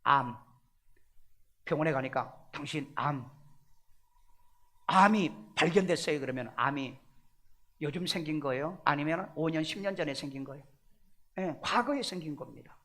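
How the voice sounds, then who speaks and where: Male pastor, high pitch, church sermon; emphatic, questioning the pews, loud-to-hushed swings. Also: normal speed, long pauses. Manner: emphatic preaching full of rhetorical questions to the congregation; swings between loud stressed phrases and hushed asides. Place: church sanctuary.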